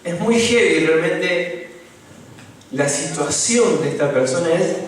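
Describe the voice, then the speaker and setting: A young lay preacher with a Rioplatense Spanish accent gives an informal, conversational sermon in a church hall, often questioning the congregation and using many tag questions. His voice is a little high, animated and slow, recorded from a distance with echo and a little hiss or hum.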